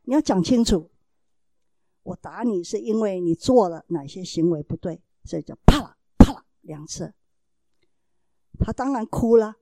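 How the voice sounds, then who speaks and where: A woman's voice: mid-range voice, expressive, normal speed, long pauses, dark tone, dry recording. A mother giving a talk to parents, telling a family story in an earnest, explaining way and acting out the dialogue in changing voices.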